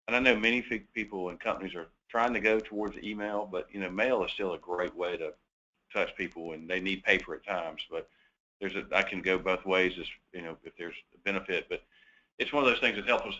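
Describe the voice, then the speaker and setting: Male webinar presenter, very low and forceful, casual with many restarts, dull lo-fi audio. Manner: chatty, with frequent fillers and restarts; poses practical questions to the audience. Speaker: webinar presenter on debt collection. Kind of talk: conversational webinar talk.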